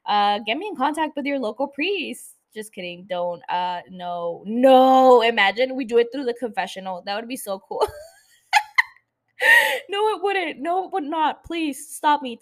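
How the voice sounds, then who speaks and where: A woman with a distinctly high-pitched voice hosts a casual solo podcast. She talks in a loose, rambling way, cutting into her own thoughts. Her delivery is irreverent and jokey, full of swearing and teasing asides to the listener. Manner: rambling, self-interrupting, teasing. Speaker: podcast host. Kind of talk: casual solo podcast chat about TV shows.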